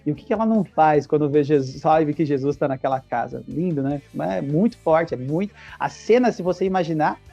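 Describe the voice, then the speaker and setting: A man's voice: on the high side, brisk, vocal fry, hardly any pauses, mellow, dry recording, soft background music. A Brazilian man co-hosting a church podcast, retelling Bible scenes vividly in casual conversation. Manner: vivid storytelling, says "imagina a cena". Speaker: Bible study podcast co-host. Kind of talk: casual Bible teaching chat. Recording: dull lo-fi sound.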